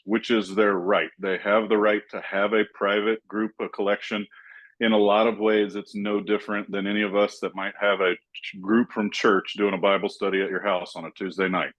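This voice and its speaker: A man in a public committee meeting on a video call, making careful, deliberate arguments. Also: fairly low pitch. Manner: measured, deliberate, speaks in careful full arguments. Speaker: committee member.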